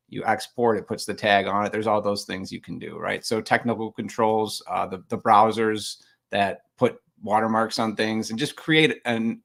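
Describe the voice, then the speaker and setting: A man's voice: fairly low pitch, gravelly, fairly bright tone. A man on a casual panel, explaining things in a practical way. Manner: practical, explanatory, says "right?" often.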